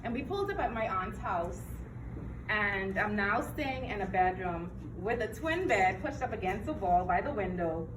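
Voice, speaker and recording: A woman's voice: medium pitch, expressive, moderate pace, background noise. A young woman from the Bahamas giving an earnest personal testimony to an audience, acting out the words of people in her story. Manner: earnest storytelling with acted-out quotes. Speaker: testimony speaker. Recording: echoey hall, mic from far off. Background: room ambience.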